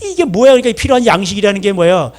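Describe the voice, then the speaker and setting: A middle-aged male pastor delivers a sermon in a high, lively voice. He keeps turning to the congregation with rhetorical questions and slips into acted voices to make his point. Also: very fast.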